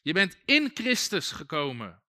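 A man's voice: high voice, wildly swooping pitch, unhurried, pushed and bright, no room sound, studio quality. A man preaching a sermon in a conversational way, full of asides and restarts.

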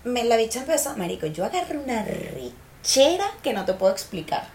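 A woman's voice: a little high, a little fast, slight background noise. A young Venezuelan woman with a Venezuelan accent, telling a story in casual chat and full of slang. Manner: animated storyteller, heavy slang. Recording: echoey room.

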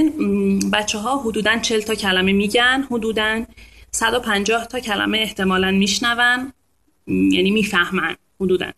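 A woman's voice: medium pitch, a bit bright. Chatty woman hosting a live talk. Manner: chatty, playful, imitates animal sounds. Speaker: host of a live talk on reading to babies. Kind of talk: casual live talk to an online audience.

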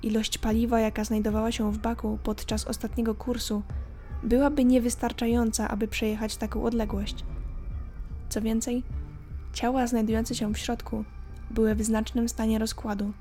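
A woman narrating a scripted horror story in a calm, measured way. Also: fairly high pitch. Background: faint background music.

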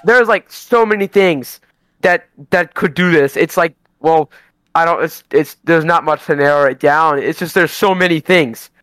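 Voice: medium pitch, normal speed, a bit bright, no echo. A player speaking in character at a tabletop game, rambling eagerly about conspiracies.

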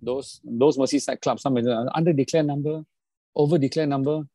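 A man with a mellow, relaxed voice in a dry, close recording. He banters casually in colloquial Singaporean or Malaysian slang English, often repeating his phrases for emphasis. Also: mid-range voice, normal speed, no echo. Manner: repeats words and phrases insistently. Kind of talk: casual football banter among friends.

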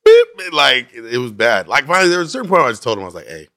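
A man, co-hosting a podcast and telling animated stories in casual chat. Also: medium pitch, very fast, dry recording, clean studio sound. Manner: animated storyteller, acts out quotes. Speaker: podcast co-host.

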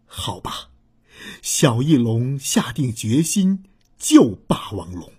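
A woman reading a children's story aloud, expressive and acting out the sound effects. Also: rumbling low, slow, husky.

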